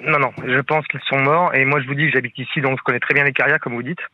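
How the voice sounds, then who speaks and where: A man's voice: medium pitch, steady tone, no room sound. A man in his forties calling in to a radio show, chatting casually and agreeing eagerly with the host. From France. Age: 40s. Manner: eager, agreeable, quick to affirm. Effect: radio call-in line, lo-fi sound. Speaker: caller. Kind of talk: casual call-in conversation.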